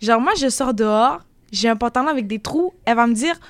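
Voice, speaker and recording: A woman's voice: a little high, lively intonation, brisk, no echo, clean studio sound. A young woman, talking animatedly in a casual discussion, laughing often and full of fillers. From Quebec. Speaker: panel guest.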